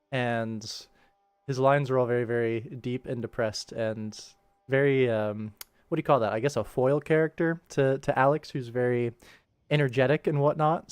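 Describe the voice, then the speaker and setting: An animator hosts a livestream, chatting casually in a mid-pitched voice as he works. Faint music plays in the background, and there's no echo.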